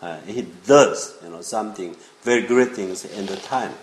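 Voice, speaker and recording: This visiting preacher, a seminary teacher from South Korea who is 50 or older and a native Korean speaker, addresses young people in an informal sermon. His English is halting, his pitch fairly low, and he often checks in with those listening. The setting is an indoor church room, with echo and faint noise on the recording.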